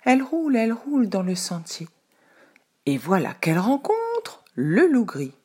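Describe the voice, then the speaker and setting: A woman telling a children's story, lively and expressive. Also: on the high side, unhurried, husky.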